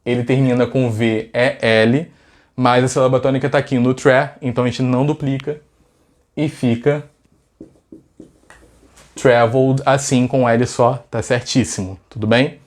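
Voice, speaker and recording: A man's voice: mid-range voice, level tone, unhurried. Brief: chatty Brazilian male teacher, casual lesson, keeps asking the viewers questions. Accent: Brazilian Portuguese. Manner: chatty, asks rhetorical questions. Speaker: English teacher.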